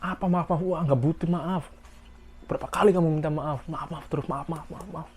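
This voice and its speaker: A man's voice: a little high, steady tone, brisk, husky, pitched above the performer's own voice. A man putting on an angry scolding senior boss. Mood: exasperated. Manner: yelling insults, impatient. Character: angry scolding Japanese male senior coworker.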